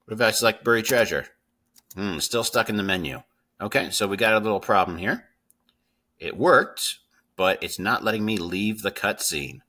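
Speaking at a moderate pace in a lowish, pushed and bright voice, a man in his thirties teaches coding through a casual screen tutorial, one step at a time. He works indoors at his computer and often asks "right?" or "okay?" to check in.

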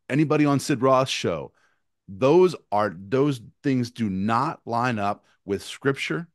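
A man's voice: mid-range voice, no room sound, studio quality. A man co-hosting a casual theological discussion, talking emphatically and stressing long lists of points. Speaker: podcast co-host.

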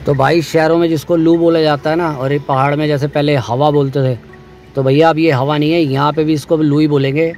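A man's voice: fairly high pitch, little pitch movement, a little fast, darkish tone, faint music behind. A middle-aged man from India narrating a casual travel vlog, chatty, talking to viewers as guys and brother while filming on a phone. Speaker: vlogger. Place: car on a hot highway and clinic. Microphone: phone camera held by the filmer. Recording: phone audio with outdoor noise.

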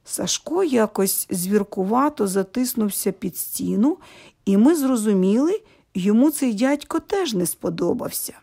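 A woman reading a children's story aloud in an expressive, lively way, acting out each character. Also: medium pitch, measured pace, gravelly.

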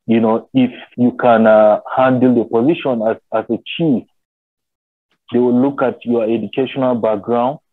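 A man's voice: medium pitch, steady tone, moderate pace, no echo. A young man from Nigeria on a video call, explaining his tribe's customs thoughtfully and often asking if he is understood. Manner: thoughtful, repeats phrases and asks "you understand?". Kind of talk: casual video call discussion. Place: small indoor room. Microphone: laptop webcam on video call. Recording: tinny phone-line sound.

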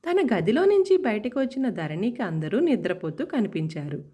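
A woman narrating a romantic family story in an expressive, lively reading. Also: medium pitch, moderate pace.

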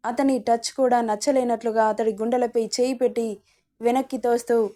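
Woman reading a romance story, steady telling, a bit high, soft mellow voice. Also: normal speed.

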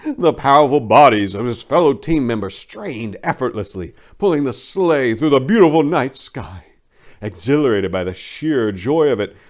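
A man in his forties, a channel host with a mid-range, darkish voice, reads a story in a theatrical, mock-grand, hammy style. He records on a lapel mic in a small indoor room lined with bookshelves.

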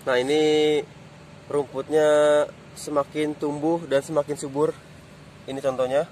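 This man's voice sits on the high side as he leads an easygoing, measured walk-and-talk tour of a stadium under construction. Filmed outside on a low-held phone camera with slight background noise, he points things out along the way.

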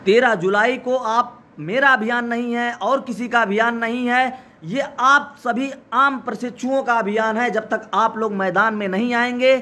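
At an outdoor protest site, a male organizer gives a rallying live speech in a very high, bright, strained voice, hoarse from days of shouting. He speaks at normal speed in a steady tone with hardly any pauses, urgently exhorting listeners and repeating the same call over and over.

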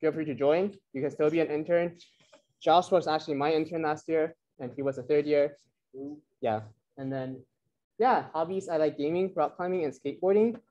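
A young man from Taiwan who grew up in Alabama, introducing himself to a student club in a friendly, relaxed way. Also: fairly high pitch, normal speed. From Taiwan, raised in Alabama. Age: young adult. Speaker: club officer. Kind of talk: casual self-introduction. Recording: dull lo-fi sound.

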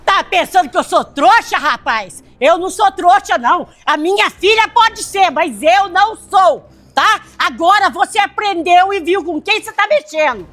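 A woman's voice: very high voice, expressive, moderate pace, hardly any pauses, fairly bright tone. A woman with a Brazilian accent playing a protective, fiery mother who scolds sternly. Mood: scolding.

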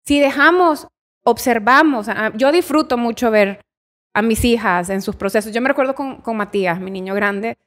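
Calm woman explaining. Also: fairly high pitch, moderate pace. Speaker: child psychologist guest. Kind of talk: casual interview chat.

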